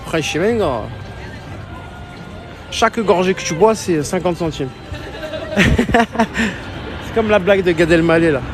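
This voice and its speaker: This male livestream host vlogs live from an outdoor theme park on his handheld phone, speaking slowly and pausing often in a high-sitting voice. His talk is chatty and slangy with some swearing, over a backdrop of park music and crowd noise.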